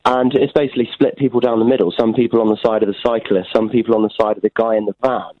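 A man's voice: mid-range voice, steady tone, no room sound. Caller, male, hesitant, heard over a dull phone line with a warped-tape warble. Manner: hesitant, halting with fillers. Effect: wobbly phone line warbling like a warped tape. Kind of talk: casual phone chat.

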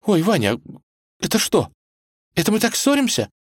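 A man voicing a capricious, quick-tempered young tsarevna in a storybook reading, with a petulant, emphatic manner. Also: high-pitched, big pitch swings, no echo, studio quality, pitched above the performer's own voice. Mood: frightened.

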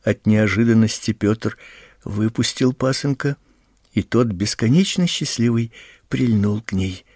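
A man reading a story aloud as a slow, measured audiobook narration. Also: fairly low pitch, a little mellow, no room sound, clean studio sound. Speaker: audiobook reader. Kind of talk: scripted narration.

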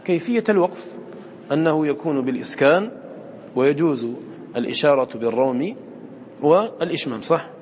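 Fast-talking man teaching recitation. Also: a little high, expressive, a little mellow, in a large hall, slight background noise. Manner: quizzes listeners often, repeats points. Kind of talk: lecture to students.

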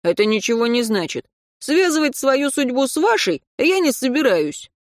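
A woman's voice: high voice, very animated, moderate pace, no room sound, pitched above the performer's own voice. A woman reading a sarcastic, cold young man. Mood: mocking. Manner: dry, mocking, curt. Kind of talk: audiobook reading.

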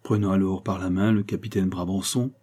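A man narrating a comic short story aloud, with lively, expressive reading. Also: low voice, fairly quick, breathy edge.

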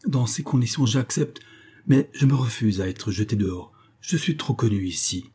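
Man doing a trembling proud butler, pleading, low dark voice, husky. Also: animated, normal speed. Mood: desperate pleading. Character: proud desperate male butler, middle-aged.

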